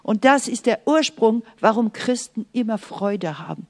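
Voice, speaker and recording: A woman preaching a sermon in an earnest, emphatic way, sometimes dropping to soft, hushed asides and speaking straight to the listener. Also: a little high, animated, normal speed. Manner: speaks directly to the listener, often asking "Okay?".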